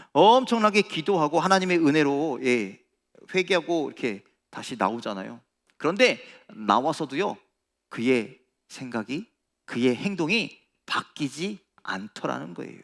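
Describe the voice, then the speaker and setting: A middle-aged male pastor preaching in a large church sanctuary, his bright, gravelly voice swinging widely in pitch. The long reverb of the hall trails each phrase as he acts out prayers with rising intensity. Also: normal speed. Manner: animated preaching, acting out quoted prayers in a raised voice. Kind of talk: sermon.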